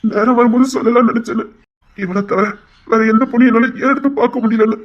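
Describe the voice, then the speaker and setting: A man's voice: extremely high pitch, steady tone, fast talker, lo-fi sound. A young man acting a pleading, apologetic lover in an audio drama.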